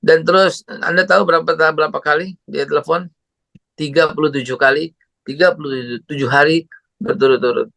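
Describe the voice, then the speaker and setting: A man's voice: on the high side, steady tone, normal speed, creaky, pushed and bright, no room sound. A man who preaches a parenting talk and tells stories animatedly, acting out voices. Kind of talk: religious parenting talk with storytelling.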